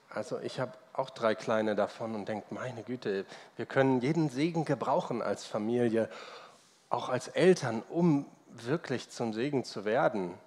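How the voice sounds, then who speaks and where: A man in his thirties gives a sermon at an unhurried, measured pace. His voice has a mid-range pitch and carries long reverb from a church hall. He talks in a conversational, personal way and poses rhetorical questions. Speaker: pastor. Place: church service.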